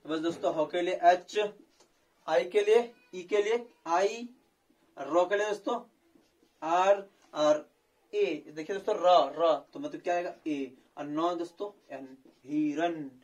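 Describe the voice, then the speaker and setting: A man with a slightly high voice teaches a spelling lesson to viewers. He addresses them as friends again and again. He stretches each syllable slowly as he spells it out. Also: a little mellow.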